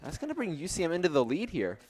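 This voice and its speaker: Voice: mid-range voice, huge pitch swings, fast talker, a little mellow, husky. A young adult calling esports play-by-play in a casual, playful, jokey way. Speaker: esports commentator. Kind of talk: casual live game commentary. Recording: faint background noise.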